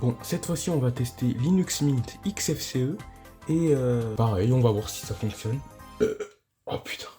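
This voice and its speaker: A man's voice: medium pitch, normal speed, over music. A man casually narrating a tech vlog, laid-back, with lots of hesitations and mild swearing, on a cheap microphone. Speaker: tech YouTuber.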